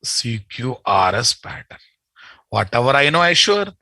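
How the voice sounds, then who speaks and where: A man with a Telugu Indian accent leads a casual online class in a bright, forceful voice. He takes his time, repeating phrases for his learners. The sound is dry and close. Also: mid-range voice, big pitch swings, a little slow, no room sound. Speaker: software instructor. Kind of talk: informal live online lesson. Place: indoor room, video call.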